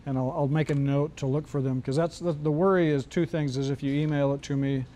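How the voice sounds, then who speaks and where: A man talks to his screenwriting class in a classroom, his voice mellow and dark. He is easygoing and jokey, circling back and restarting his sentences as he goes. A faint hiss sits under the recording. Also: a little high, steady tone, brisk. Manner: loose, joking, many restarts. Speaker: screenwriting teacher. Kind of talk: casual classroom talk.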